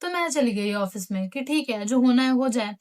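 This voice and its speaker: A teenage girl chats through a funny school storytime for her vlog, with a high, bright pitch. She tells it in an animated way, acting out what teachers and friends said and dropping English phrases into her talk. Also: moderate pace. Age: late teens. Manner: animated, acts out teachers and friends in quoted lines. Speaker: vlogger telling a school story. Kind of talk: casual storytime chat.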